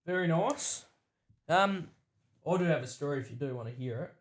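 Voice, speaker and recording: A man's voice: a little high, expressive, normal speed, reverberant. A man with an Australian accent hosting a casual podcast, trading laid-back banter and workplace stories, swearing now and then. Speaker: podcast host. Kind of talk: casual pub-style banter.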